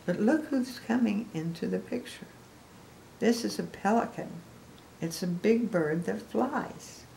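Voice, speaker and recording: Her medium-pitched voice is expressive, a little slow, gravelly and warm as this older woman reads a storybook to small children. She explains each picture and talks to the listener, over slight background noise and poor audio.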